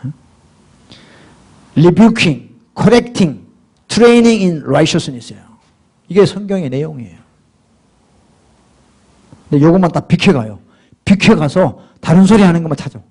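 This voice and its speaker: Husky, lively-voiced Korean pastor preaching. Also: male voice, a little high, slow, long pauses. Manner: swings from hushed murmurs to loud emphatic exhortation. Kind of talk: sermon.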